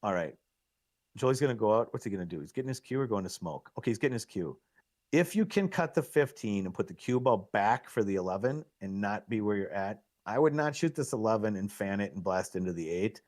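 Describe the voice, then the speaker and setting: A middle-aged man giving excitable, coaching commentary on a live pool match, laughing at himself often. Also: lowish voice, a little fast.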